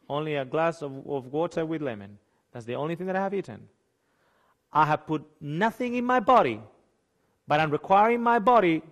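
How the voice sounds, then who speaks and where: A man with a Spanish-speaking accent who gives a nutrition seminar and speaks in a lively way, asking the audience questions and acting out what people say. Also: fairly high pitch. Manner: animated, questions the audience, acts out quoted people; slips and restarts words. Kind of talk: seminar lecture.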